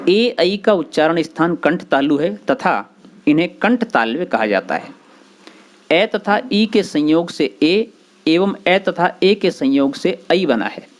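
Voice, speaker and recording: A man teaching grammar, explaining slowly and sounding out letters one by one, with short recited rules between them. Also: on the high side. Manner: slow, deliberate, spelling out sounds one by one. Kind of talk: explanatory lesson.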